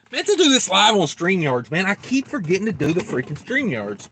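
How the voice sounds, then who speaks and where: A man's voice: sits high, very animated, normal speed, bright, forceful tone, slight background noise. A man hosting a casual trucker livestream, rambling and joking as he reads viewer comments aloud. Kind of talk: casual live-stream chat.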